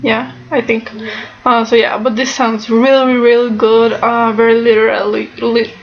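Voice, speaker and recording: A woman chats casually and haltingly about her things, sounding nasal and stuffed up, as if with a broken nose. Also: a little high, little pitch movement. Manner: halting, often breaking into small laughs. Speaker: book vlogger. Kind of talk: casual chatty book haul. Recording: slightly dull, lo-fi sound.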